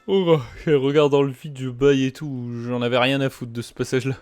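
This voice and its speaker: A man's voice: mid-range voice, steady tone, brisk, darkish tone, clear, resonant tone. A young man giving casual, slangy, sweary, grumbling commentary while playing a video game. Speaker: gaming video host. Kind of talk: casual let's play commentary. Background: game music.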